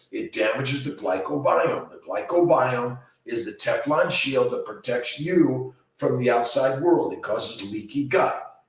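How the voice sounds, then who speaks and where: A man in his fifties, a doctor, talks loosely and scattered as he works through viewer comments, full of fillers. His voice rings with a heavy cave-like echo. He sits a little back from the microphone. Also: mid-range voice. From Los Angeles, USA. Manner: rambling, scattered, with many "uh, let's see" fillers. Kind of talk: casual livestream answering viewer comments. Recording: very echoey, distant from the mic.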